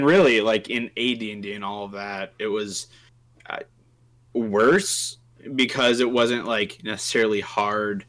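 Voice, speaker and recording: A man's voice: fairly low pitch, a bit bright. A man co-hosting a casual tabletop gaming podcast, telling stories with lots of restarts. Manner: rambling, self-interrupting storyteller. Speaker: podcast co-host. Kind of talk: casual chat.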